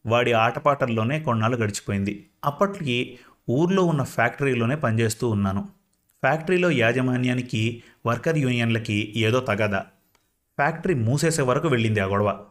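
A man narrating a first-person story in a reflective, emotive manner. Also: mid-range voice.

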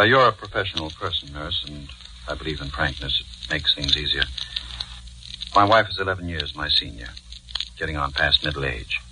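An actor playing a stern, pompous judge who also narrates, in 1940s radio acting. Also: male voice, extremely low pitch, background noise. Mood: smooth. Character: stern, pompous middle-aged male judge.

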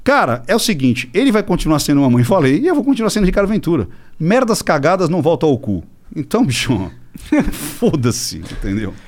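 A middle-aged man with a Brazilian accent tells a story as a podcast guest. His voice sits high and swings widely in pitch. He acts out the people he quotes and swears freely. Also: sing-song, fairly quick. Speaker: podcast guest, body-language specialist. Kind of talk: casual storytelling.

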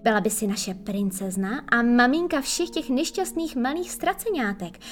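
A woman doing a cocky, excitable boy. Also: on the high side, lightly acted. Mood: coaxing. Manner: eager, excitable, proud. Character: boastful cocky boy who never grew up.

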